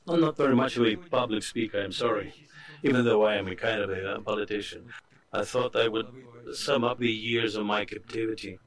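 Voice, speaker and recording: Man, live interpreter voice, lowish pitch, earnest measured delivery. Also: rough recording. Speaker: live interpreter for a speaker at a public event. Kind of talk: live interpreting of testimony, spoken in first person.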